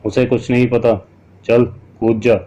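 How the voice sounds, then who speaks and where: A man's voice: medium pitch, little pitch movement, measured pace, warm tone, dull audio, close to an everyday voice. A man voicing a cruel young ghost girl who harshly orders a man to jump, in an audio horror story. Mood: harsh taunting. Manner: harsh, commanding.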